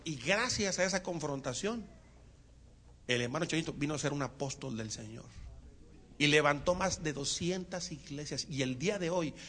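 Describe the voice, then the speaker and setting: A man's voice: on the high side, a little hiss or hum. A male preacher telling a sermon story and having the congregation repeat after him. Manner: animated, call-and-response with congregation.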